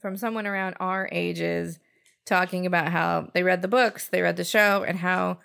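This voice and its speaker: A woman's voice: lowish voice, fairly even intonation, normal speed, vocal fry, a bit bright, smooth. Chatty woman podcast co-host. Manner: chatty, giggly, lots of "like". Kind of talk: casual chat.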